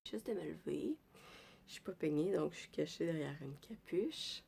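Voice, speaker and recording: A woman in her thirties with a Québécois French accent, vlogging casually in a hushed morning voice at the tail end of a cold. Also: lively intonation, moderate pace, creaky, husky, faint music behind. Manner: hushed, low-energy, half whispered. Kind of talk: casual family vlog.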